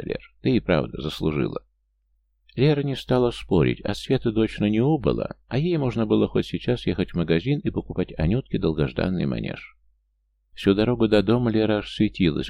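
Audiobook narrator, male, very low and gravelly, measured reading. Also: sing-song, dark tone, no echo. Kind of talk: scripted narration.

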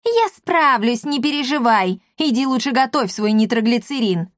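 A woman's voice: animated, moderate pace, no echo, clean studio sound, lightly acted. A woman voicing a spiteful, boastful young witch who mocks and shrieks at her foes, in a storybook reading. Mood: shrieking. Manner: mocking, shrill cries.

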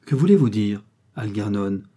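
Man voicing a stiff indignant young baronet, mellow husky tone, period storybook. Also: medium pitch, animated, moderate pace. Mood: impatient. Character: young male baronet, proud and easily vexed.

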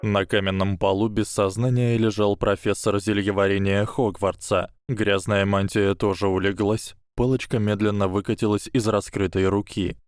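Man reading an audiobook, lowish voice, calm and steady, dry close mic. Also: normal speed, hardly any pauses, clean tone, dry recording. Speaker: audiobook narrator. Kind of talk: scripted audiobook narration.

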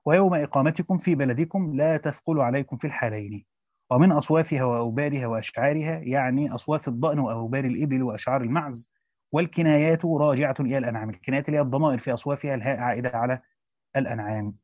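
A man's voice: medium pitch, a little mellow, no room sound. A man reading a classical commentary aloud and stopping to explain it in plain speech, like a teacher. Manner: reads fast, stops to explain in Egyptian Arabic. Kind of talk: reading a classical text aloud with spoken asides. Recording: dull dry lo-fi recording.

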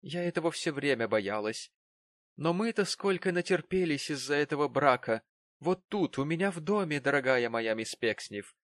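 A man's voice: fairly high pitch, expressive, moderate pace, a bit bright, no room sound. A man putting on a gushing, melodramatic landlady. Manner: effusive, melodramatic, sighing. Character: gushing dramatic middle-aged landlady woman.

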